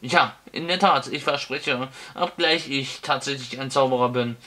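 A man voicing an ancient, toothless male wizard in an audiobook, booming, rambling and giggly. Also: normal speed, bright, forceful tone, lightly acted. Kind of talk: audiobook character voice.

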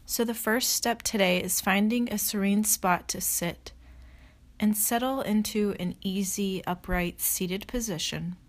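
Leading a guided meditation, a woman instructor speaks gently and steadily, leaving pauses between phrases. Her voice is mid-range, and the recording has no audible room sound.

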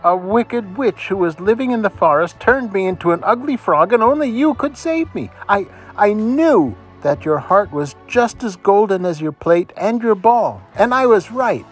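A man voicing a gentle, lonely frog who turns out to be an enchanted prince, speaking softly and earnestly. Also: sits high, animated, normal speed, hardly any pauses, faint music behind, voice pushed up. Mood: grateful.

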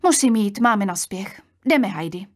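A woman reading an audiobook, voicing a curt, hurried young aunt who brushes off questions. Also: medium pitch, animated, lightly acted. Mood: curt, impatient. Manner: brusque, dismissive. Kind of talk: audiobook character voice.

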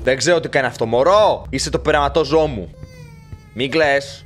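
A man giving excitable let's play commentary, teasing the game characters and yelping when things go wrong. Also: mid-range voice, soft background music. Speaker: gaming YouTuber.

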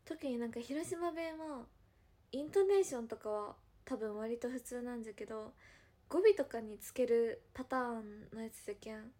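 Young woman, Hiroshima dialect, high bright voice, giggly livestream chat. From Hiroshima, Japan. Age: young adult. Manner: chatty, giggly, drawn-out musing. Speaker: idol livestreamer. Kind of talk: casual livestream chat answering viewer comments.

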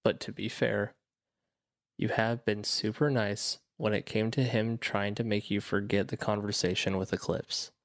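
A man voicing Logic, a devoted, witty partner in an audio drama, gentle and reassuring. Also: lowish voice, flat delivery, a little slow, dry recording, clean studio sound. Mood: tender.

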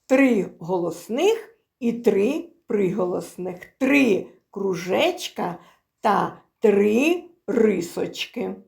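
A woman's voice: medium pitch, animated, drawn-out words, creaky, darkish tone. A woman teaching preschool children a phonics lesson, speaking in an exaggerated sing-song way.

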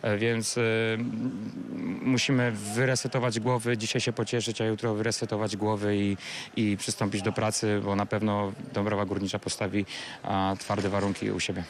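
A man's voice: on the low side, flat delivery, normal speed, a little hiss or hum. A young man, a basketball player, answering a post-match interview at a handheld mic, with many hesitant filler sounds. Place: courtside interview wall in an arena. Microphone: handheld reporter mic.

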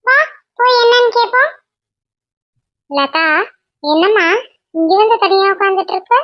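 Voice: very high-pitched, animated, moderate pace, dry recording. A voice actor playing a kind, motherly older village woman in a Tamil cartoon, soothing and advising with a Tamil accent. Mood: curious. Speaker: cartoon character. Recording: dull lo-fi dry voice track.

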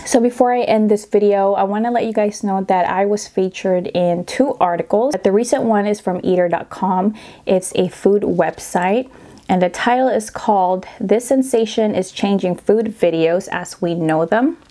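Her voice is mid-range and mellow at an ordinary speed. This mukbang YouTuber, mildly congested while recovering from a cold, chats in between bites and murmurs to her food during an on-camera eating vlog.

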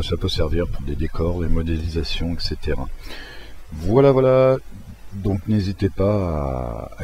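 A man walking through a software tutorial in a casual, hesitant way, with many fillers and restarts. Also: sits low. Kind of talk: casual screen-recorded tutorial.

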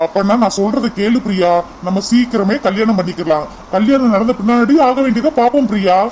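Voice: medium pitch, brisk, darkish tone, a little hiss or hum, natural voice, rough recording. A voice actor playing an earnest young man coaxing his sweetheart in a cartoon. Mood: earnest pleading. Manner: coaxing, keeps repeating her name. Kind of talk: cartoon voice acting.

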